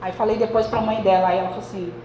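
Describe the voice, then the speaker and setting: A woman's voice: mid-range voice, fairly even intonation, very fast, mellow, muffled recording, slight background noise. A woman pastor, preaching a sermon in a chatty way and often turning to the congregation. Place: church hall. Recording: echoey church hall, faint ambience.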